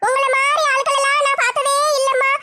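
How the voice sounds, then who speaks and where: A squeaky one-eyed gossip. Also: female voice, level tone, quick pace, heavy background noise. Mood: bitter. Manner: accusing, taunting village gossip. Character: gossiping one-eyed village woman, meddlesome and spiteful.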